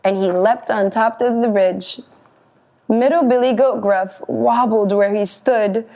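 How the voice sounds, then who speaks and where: Woman teacher, children's story narration, slow and lively. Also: a little high.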